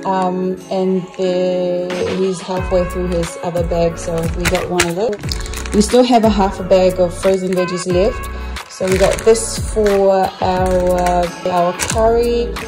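A woman in her thirties from New Zealand talks through her weekly groceries in a loose, chatty way. She stops often for ums and small restarts. The sound is a phone held at arm's length, with clear music playing underneath. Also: on the low side, steady tone, slow pace. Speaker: family vlogger. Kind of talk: casual grocery haul narration.

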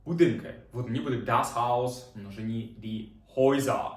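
A man teaching a beginner language lesson, explaining reading rules patiently and repeating example words slowly. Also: mid-range voice, far from the mic. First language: Ukrainian. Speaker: German teacher. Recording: roomy, off-mic sound.

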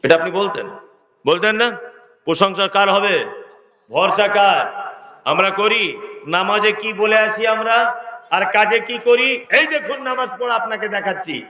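A high-pitched man preaches a sermon at an open-air gathering, firing rhetorical questions at the crowd and swinging between hushed murmurs and shouting. His voice comes through a dull, echoing sound system. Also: a little slow, long pauses. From West Bengal, India. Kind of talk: Bengali waz sermon.

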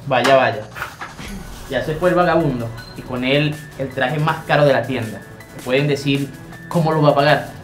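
A man's voice: medium pitch, moderate pace, roomy sound, over music, lightly acted. A man playing a sarcastic young shop clerk. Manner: sarcastic, scolding. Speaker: store employee Luis. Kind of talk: scripted web drama acting. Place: indoor clothing store.

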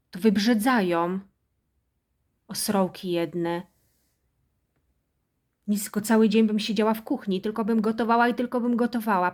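A woman playing a self-pitying, house-proud, harsh middle-aged mother in a satirical character monologue, nagging and turning shrill when she scolds. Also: close to an everyday voice.

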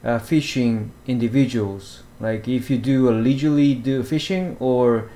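A man narrates a screen-recorded walkthrough of fishing apps at an unhurried, slow pace. His pitch sits mid-range for a man, and he stops often, filling gaps with "uh" and "um" and restarting his sentences. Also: mellow. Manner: halting, many fillers and restarts. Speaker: fishing vlogger. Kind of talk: screen-share app walkthrough. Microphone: voice-over to screen recording.

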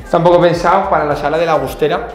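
A man in his twenties from Spain, chatting casually in a relaxed, slangy way while showing off a half-renovated apartment. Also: a little high, rapid-fire, roomy sound. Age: 20s. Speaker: guest. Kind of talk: casual house tour chat.

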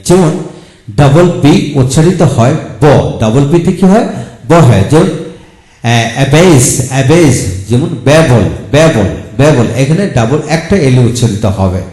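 Slow-spoken man teaching pronunciation. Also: on the high side, warm tone, reverberant, poor audio. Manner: slow, repeats each example word several times. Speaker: English teacher.

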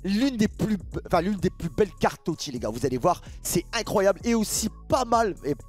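Excitable high-voiced French man. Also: fairly quick, faint music behind. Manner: excitable, shouts at big pulls, repeats "les gars". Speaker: gaming streamer. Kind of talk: pack opening commentary.

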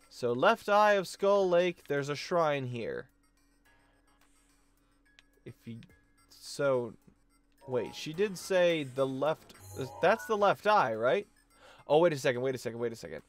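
A man hosting a let's play, commenting casually and thinking aloud, questioning himself with many restarts. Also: on the high side.

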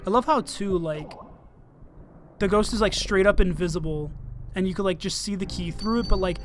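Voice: mid-range voice, moderate pace. Chill let's-play host, rambly, lots of likes and swearing, faint game music under it. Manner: rambling, laid-back, full of fillers and swearing. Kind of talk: casual gameplay commentary.

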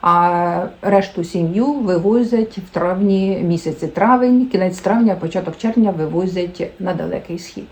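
A woman's voice: fairly low pitch, normal speed, hardly any pauses, poor audio. A woman book blogger in a casual vlog, talking chattily and thinking aloud with small fillers.

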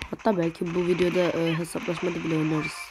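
An excitable woman talks viewers through a mobile game match from home. Her commentary is casual and chatty, and she reacts loudly to every twist. Game music plays clearly behind her the whole time. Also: lowish voice, quick pace. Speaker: gaming channel host.

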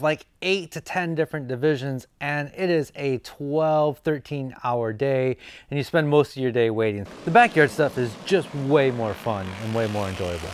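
A man hosting a woodworking channel talks casually to camera in an indoor studio with a colored backdrop, standing and gesturing as he goes. His voice sits on the high side, he's chatty with plenty of ums and uhs, and there's a faint hiss or hum.

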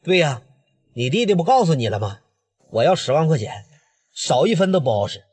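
A man's voice: a little high, very animated, a little fast, a little mellow, husky. A man voicing a cold, threatening gangster boss with a Northeastern Mandarin accent, in a told crime story. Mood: menacing. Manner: blunt, threatening, extorting.

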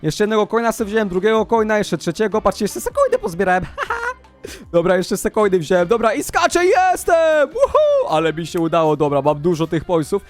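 A young man giving excited, running commentary on a video game, narrating every move and shouting at wins and losses. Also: high-pitched, fast, soft background music.

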